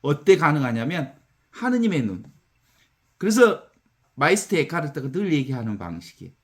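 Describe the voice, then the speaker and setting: Animated Korean priest giving a talk. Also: male voice, a little high, normal speed. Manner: conversational, animated storytelling with acted-out counting. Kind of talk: spiritual lecture.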